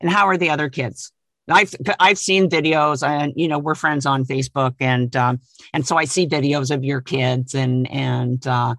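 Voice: medium pitch, a bit bright. An interviewer asks long, conversational questions with a mid-range voice. The delivery is hesitant, with doubled words as thoughts form. The sound is dry and close, with no room echo. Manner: hesitant, repeats words while asking.

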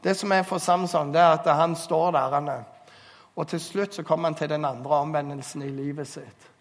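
A man's voice: fairly high pitch, fairly even intonation. A man preaching a sermon, telling stories and urging listeners earnestly, recorded in a church hall. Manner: storytelling, earnest exhortation. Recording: long hall reverb.

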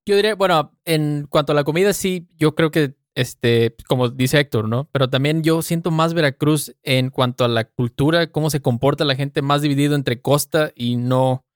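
A man's voice: fairly high pitch, moderate pace, hardly any pauses, smooth, no echo. Chatty Mexican man, dry sound. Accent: Mexican Spanish. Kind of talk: casual chat.

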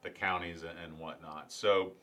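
A man's voice: low voice, steady tone, moderate pace, fairly bright tone. A man in his thirties hosting a podcast interview, chatty and rambling, often correcting himself. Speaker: podcast host. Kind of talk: casual interview chat.

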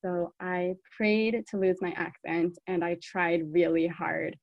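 Talking alone to her podcast audience, an American-accented woman in her thirties, South African-born and US-raised, repeats words emphatically to stress them. Her voice is on the low side, flat and slow, with vocal fry. There's no room sound, and the highs are cut off.

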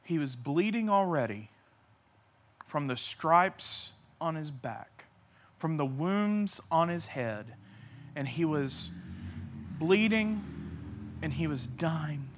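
A man pastor preaching a sermon with passion, swinging between loud cries and hushed near-whispers, repeating key phrases for emphasis. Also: a little high, expressive, takes it slowly, slight background noise.

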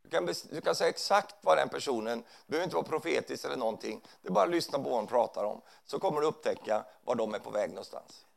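With a gravelly mid-range voice and lively intonation, this man preaches almost without pausing. His church-hall sermon feels like a conversation, peppered with tag questions that check in on the audience.

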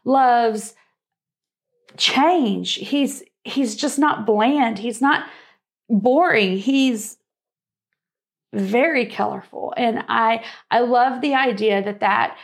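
A woman's voice: a little high, very slow. A woman co-hosting a faith-based talk show, speaking in an earnest, reflective conversational way. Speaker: co-host.

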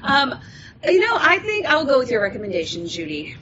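A woman's voice: high-pitched, huge pitch swings, a little fast, muffled recording, background noise. A woman playing a tabletop game, giggly and a bit hesitant. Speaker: player.

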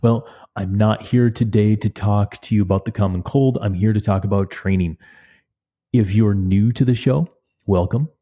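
Husky-voiced male cycling coach. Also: lowish voice, warm tone, lo-fi sound. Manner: measured, advisory, with some fillers. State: crackly voice from a cold. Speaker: podcast host and cycling coach. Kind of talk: podcast monologue answering listener questions.

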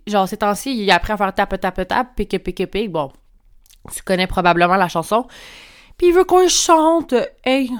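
A young woman with a Québécois French accent hosts her podcast alone from home, chatty and candid, swearing freely and laughing often. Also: medium pitch. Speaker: podcast host. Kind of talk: casual solo podcast monologue. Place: room at home. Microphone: clip-on mic.

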